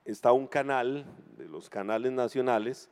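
A middle-aged Costa Rican man preaching a dramatic sermon, swinging from quiet talk to shouted passages. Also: mid-range voice, expressive, moderate pace, clear, resonant tone, in a large hall. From Costa Rica. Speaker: pastor.

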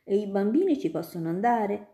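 A woman's voice: medium pitch, lively intonation, brisk, mellow, voice pushed up, lightly acted. A woman voicing a curious, eager little girl who keeps asking questions in a storybook reading. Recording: roomy echo.

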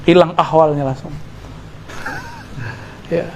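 A man teaching a sufi study circle, relaxed and joking now and then with the listeners around him. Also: a little high, takes it slowly, slight background noise. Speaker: religious teacher.

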